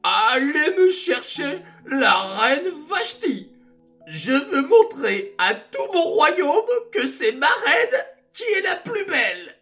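A man's voice: extremely high pitch, very animated, slow, faint music behind, pitched above the performer's own voice, full character voice. A man voicing a boastful, drunken, hot-tempered king who bellows his orders, in a children's storybook reading. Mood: bellowing. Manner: bellowing and shouting.

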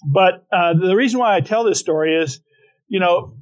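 A man's voice: high-pitched, normal speed. A middle-aged man preaching a conversational sermon, telling stories with frequent restarts and asides. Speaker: pastor.

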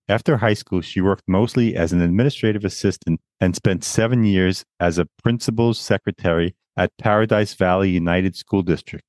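Deadpan low-voiced man co-host. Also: no echo. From Long Island, New York. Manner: dry, deadpan jokes. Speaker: podcast co-host. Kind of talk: scripted podcast intro and guest bios.

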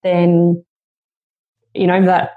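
A woman's voice: lowish voice, monotone, very slow, narrow, tinny audio. A woman guest on a podcast interview, speaking in an earnest, motivational and reflective way.

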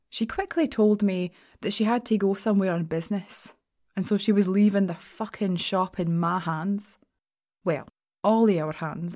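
A woman playing a sardonic Scottish shop assistant with a broad Scottish accent and a soft, mellow tone. She tells her story in a wry, sweary, confiding way, with an anxious edge, as in a fiction podcast monologue. Her pitch sits mid-range for a woman. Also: natural voice. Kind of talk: first-person dramatic monologue in an audio fiction podcast.

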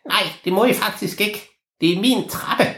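A man's voice: high voice, pushed and bright, roomy sound, a little hiss or hum, voice pushed up. A man voicing a small, grumpy four-armed creature who is easily offended, in a bedtime story. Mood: huffy.

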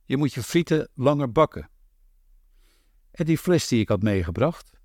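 A man doing a hoarse tipsy grandma. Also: mid-range voice, sing-song, moderate pace, no echo, studio quality, voice pushed up, lightly acted. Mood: defiant. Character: hoarse tipsy grandmother, older woman, defiant.

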